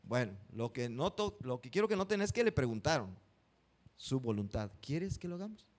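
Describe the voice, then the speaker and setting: A man preaching a sermon, asking his congregation questions and reading verses slowly. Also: medium pitch, sing-song.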